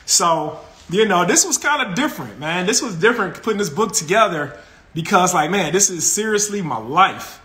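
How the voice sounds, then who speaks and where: Greeting viewers cheerfully and laughing, a man in his 40s streams live from his phone in a small indoor room lit with colored lights. His high, sharp-toned voice has lively intonation and a normal pace, with a roomy sound from the close-up phone camera.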